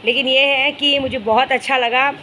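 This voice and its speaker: A woman's voice: high voice, steady tone, slow pace, pushed and bright, slight background noise, low-quality recording. A woman speaking, a spiritual guide chatting casually to her followers and telling stories with fond asides. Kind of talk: casual vlog chat to followers.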